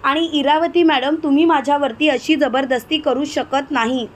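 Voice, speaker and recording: A woman's voice: high-pitched, fairly even intonation, moderate pace, lightly acted. A woman voicing a proud, defiant young woman who speaks firmly and insistently.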